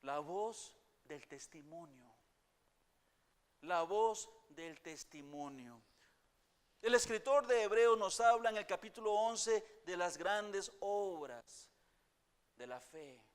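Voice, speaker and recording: Preacher, male, high-pitched, slow deliberate delivery, dramatic loud-to-hushed swings, echoing church hall. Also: smooth. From Costa Rica. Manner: repeats phrases for emphasis, addresses the congregation as brothers. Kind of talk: sermon.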